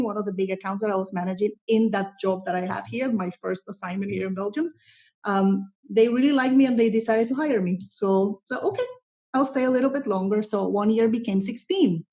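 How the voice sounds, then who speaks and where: A middle-aged Colombian woman, a content strategist appearing as an interview guest, chats casually in a mid-range, darkish voice at a slightly fast pace. She speaks with enthusiasm and often repeats words while hunting for the right phrasing.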